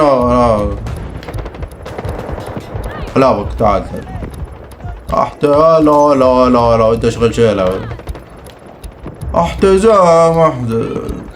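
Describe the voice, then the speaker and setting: A young man giving excitable, teasing live commentary while playing a shooter game. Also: fairly high pitch, a little hiss or hum. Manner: excitable, teasing, mutters complaints. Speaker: gaming streamer. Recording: game audio with gunfire behind.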